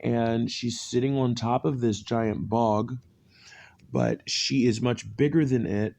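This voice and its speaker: A man's voice: medium pitch, steady tone, takes it slowly, gravelly, a little mellow. A man giving an unscripted, mystical tarot horoscope reading, repeating phrases for emphasis like an incantation. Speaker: tarot reader, horoscope host.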